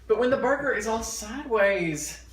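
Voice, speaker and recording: A man's voice: high voice, expressive, normal speed. Casual male mukbang host, talks while chewing, echoey home kitchen, slight background noise. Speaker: mukbang vlogger. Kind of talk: casual eating-show chat to camera.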